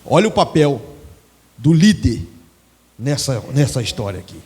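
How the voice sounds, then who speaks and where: A man with a Brazilian Portuguese accent preaching a sermon, animated and acting out biblical dialogue. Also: mid-range voice, measured pace, breathy edge, long reverb tail.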